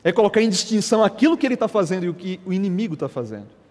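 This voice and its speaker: A man preaching a sermon as a pastor, telling stories in a lively, conversational way. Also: high-pitched, racing, big-room sound. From Brazil. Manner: animated, conversational preaching with storytelling.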